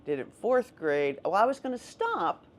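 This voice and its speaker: A woman's voice: mid-range voice, huge pitch swings, moderate pace. A middle-aged woman co-hosting a podcast, telling family stories in casual chat and laughing often. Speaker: podcast co-host.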